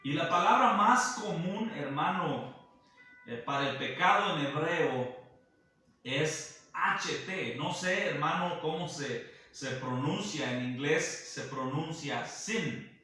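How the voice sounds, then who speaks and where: Man preaching, slow deliberate delivery, bright tone, very echoey room heard from a distance, faint music behind. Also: a little high. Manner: slow and deliberate, repeatedly calling the listener brother. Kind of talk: sermon teaching.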